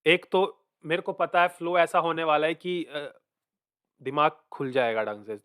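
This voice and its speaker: A man hosting a casual music reaction, thinking out loud, switching between Hindi and English and repeating lines back to himself. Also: a little high, a little slow, clean tone.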